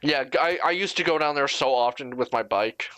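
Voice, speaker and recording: A man's voice: medium pitch, fairly quick, a bit bright. A young man doing casual reaction commentary as a YouTuber, swearing freely and laughing at himself.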